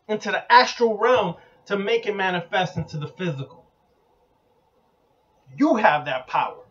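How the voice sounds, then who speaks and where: Man, high voice, emphatic repeated slogans, blunt, occult sermon, muffled lo-fi sound. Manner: occasionally profane. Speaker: occult channel host. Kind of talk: preaching monologue. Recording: dull lo-fi recording.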